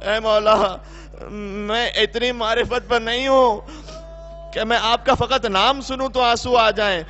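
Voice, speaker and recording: A man with a Pakistani Urdu accent preaches a Muharram sermon, his voice pitched very high and worked up to tearful cries. The recording is dull and lo-fi. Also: steady tone, pushed and bright, faint music behind. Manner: impassioned, weeping and crying out.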